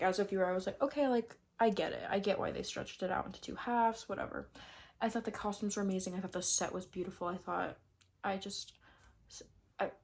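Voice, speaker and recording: Gushing young woman rambling about favorites. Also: medium pitch. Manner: gushing, rambling, lots of fillers. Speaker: vlogger. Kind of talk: casual year-favorites chat.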